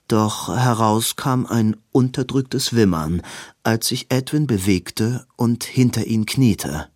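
A man reading a novel aloud as an audiobook narrator, in a slow, even reading. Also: lowish voice, no room sound, clean studio sound. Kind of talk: scripted narration.

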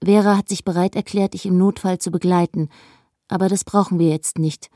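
An anxious middle-aged mother who hides her fear behind a flat, controlled, reassuring tone, read by a woman in her own voice. The voice is mellow and dark. The sound is dry and close. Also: on the low side, a little fast, no room sound, natural voice. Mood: coaxing.

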